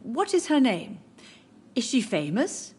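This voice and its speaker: An actress playing a frail, grieving older mother who gently insists the dead still visit her, speaking in a soft, tender, drifting way. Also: a little high, wildly swooping pitch, slow pace, husky, heavily acted. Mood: tender wistful.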